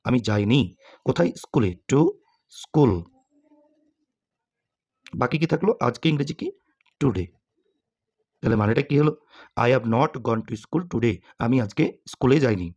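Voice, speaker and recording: A man's voice: medium pitch, measured pace, pauses often, darkish tone. A man teaching English grammar to students, asking questions and answering them himself, with frequent "okay?" check-ins.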